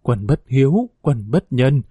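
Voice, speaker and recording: A man's voice: medium pitch, sing-song, unhurried, warm tone, slightly rough, dry recording. A man reading the part of an old peasant mother, fierce and grieving, in a pleading, scolding voice. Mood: furious. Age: older.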